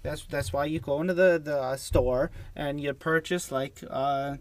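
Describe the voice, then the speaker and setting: A man's voice: on the high side, steady tone, unhurried, no room sound. A young man hosting a casual podcast, rambling with many fillers and restarts. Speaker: podcast host. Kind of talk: casual student podcast chat.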